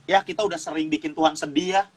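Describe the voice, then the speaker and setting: A man's voice: fairly high pitch, steady tone, fast, slightly rough, rough recording. A man from Sumatra teaching in a casual talk show, explaining like a preacher, repeating phrases and laughing as he goes. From Sumatra, Indonesia. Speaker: guest youth speaker.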